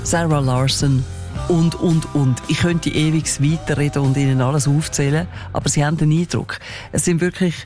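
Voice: medium pitch, fairly even intonation, normal speed, a little mellow, soft background music. A radio host with a Swiss German accent, presenting a magazine programme in a conversational way and addressing listeners directly. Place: radio studio.

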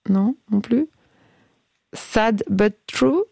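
Hosting a late-night radio phone-in, a woman chats casually and playfully with a caller, laughing often and hesitantly stumbling over song titles. Her voice is on the high side, creaky and mellow, with lively intonation and a very slow pace, and there's no echo.

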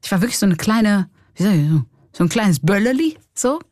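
A woman's voice: mid-range voice, expressive, a little fast, a little mellow, dry recording, clean studio sound. A middle-aged woman with a Swiss German accent, a clown and comedian, talking candidly and reflectively in an interview. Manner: reflective, candid, laughs often.

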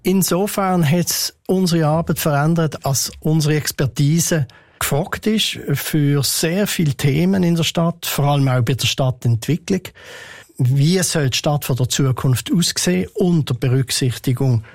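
A man, answering interview questions in a measured, thoughtful way with frequent hesitations. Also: on the high side, a little mellow, no echo, studio quality. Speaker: head of city tree and green space department, interviewee.

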